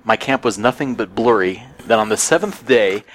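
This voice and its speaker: A man guest telling a story in a casual podcast chat, with a dry, unhurried delivery. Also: lowish voice, animated, fairly bright tone.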